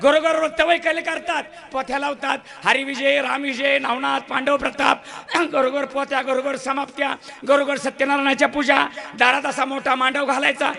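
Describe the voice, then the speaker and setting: Brief: male folk preacher-comedian, high, bright, gravelly voice, loud and preachy. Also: flat delivery, normal speed. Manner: loud, preachy, scolds the crowd. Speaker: bharud folk performer. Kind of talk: comic folk sermon to a live audience.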